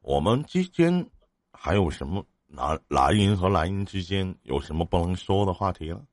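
A man in his forties with a low, very lively voice hosts a casual live advice chat. He talks in a joking, teasing manner. The sound is dry and close. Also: normal speed, no room sound. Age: 40s. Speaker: live-stream advice host.

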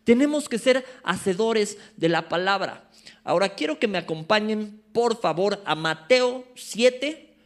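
A man's voice: high voice, expressive, a little slow. A man preaching a sermon and teaching a Bible study, with playful asides to the congregation.

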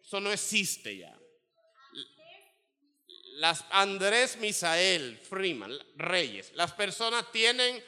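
A man delivers a sermon. His voice sits high and rings very bright. The sound carries a long hall reverb. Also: slow, pauses often. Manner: animated, acts out quoted voices. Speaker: pastor.

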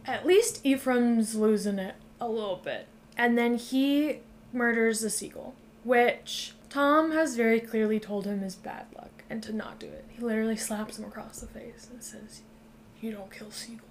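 Recapping a movie plot on her podcast, a female host speaks casually with loose phrasing and frequent swearing. Her pitch is fairly high, her tone steady, and her pace moderate.

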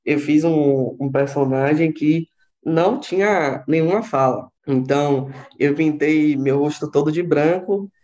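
A man with a slightly high voice explains things calmly in a relaxed discussion. His sound is dull and muffled, as if recorded on a lo-fi line. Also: measured pace. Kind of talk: casual discussion.

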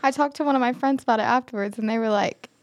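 A woman's voice: fairly high pitch, racing. Giggly young woman recalling a show. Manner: giggly, animated storytelling. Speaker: student actor recalling a play. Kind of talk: casual chat.

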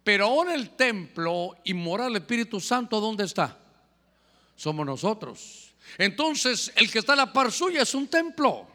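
A man preaching a sermon, calling his listeners brother and asking them questions, moving between loud emphasis and quiet asides. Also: high voice, very animated, moderate pace. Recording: long reverb of a hall.

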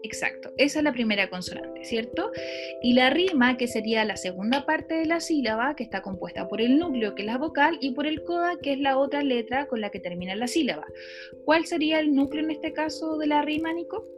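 High-voiced woman teacher explaining patiently. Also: animated, fairly quick, music in the background. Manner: explains step by step, asks a student questions. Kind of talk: lecture on phonology.

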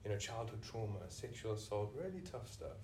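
A South African man, a senior clinician appearing on a podcast, answers questions thoughtfully, often beginning again with "you know." He talks fairly fast in a fairly low, slightly mellow voice with lively intonation. The mic is distant, the room echoes, and there's a little hiss or hum.

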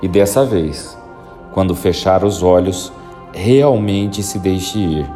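A man with a very low, mellow voice leads a hypnosis session. He gives slow, soothing, repeated instructions over faint background music. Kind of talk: guided hypnosis induction.

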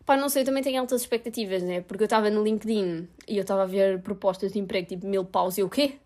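A woman's voice: medium pitch, fairly even intonation, quick pace, a little mellow. Self-mocking young Portuguese woman vlogging. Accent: European Portuguese. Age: young adult. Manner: self-mocking, frank, swears freely. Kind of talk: casual vlog monologue.

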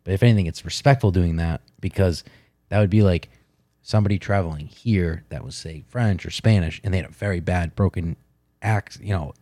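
A very low-voiced man with a dark, mellow tone chats casually as a podcast co-host. He rambles and corrects himself in a playful way. The sound is close and dry. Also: a little fast, no echo. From United States. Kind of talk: casual chat.

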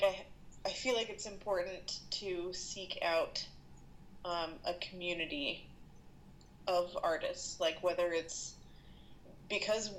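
A woman's voice: lowish voice, a bit bright, slight background noise, rough recording. A woman freelance artist in casual conversation, thoughtful and searching for words. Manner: thoughtful, many fillers and restarts. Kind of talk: casual chat.

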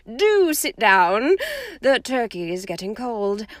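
A woman reading aloud and voicing a brisk older woman professor who speaks tartly, dryly and impatiently. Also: a little high, sing-song, no echo. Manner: tart, dry, impatient. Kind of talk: storybook reading.

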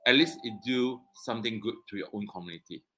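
Earnest man, bright tone. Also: fairly low pitch, fast talker, soft background music. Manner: earnest, hesitant, many fillers and restarts. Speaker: regular co-host. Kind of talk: casual chat.

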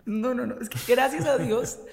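A woman, a radio host, chatting casually in an interview and talking very fast in an animated way. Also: on the high side, gravelly. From Colombia. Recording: long room reverb.

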